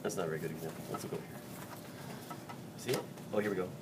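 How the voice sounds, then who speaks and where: A man's voice: deep voice, steady tone, rapid-fire. A man teaching a biology class during a dissection, joking and quizzing his students. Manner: jokey, chatty, quizzes the class. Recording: distant mic in a noisy classroom.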